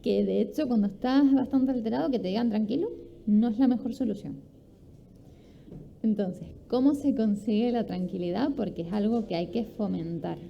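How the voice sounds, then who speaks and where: Speaking at normal speed with medium pitch and vocal fry, a woman teaches at a sports conference, explaining along the way, asking rhetorical questions and acting out examples. Slight background noise and faint ambience sit on a dull lo-fi recording.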